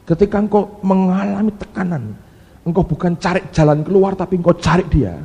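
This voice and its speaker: Male pastor, lively sermon delivery, long hall reverb. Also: fairly high pitch, dull audio. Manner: animated preacher with sudden exclaimed cries.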